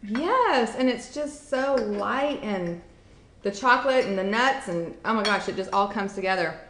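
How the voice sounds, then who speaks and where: A woman's voice: medium pitch, lively intonation, unhurried, fairly bright tone, a little hiss or hum. A woman hosting a cooking segment, chatting in a bubbly, upbeat way. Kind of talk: casual cooking show chat. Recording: roomy studio sound.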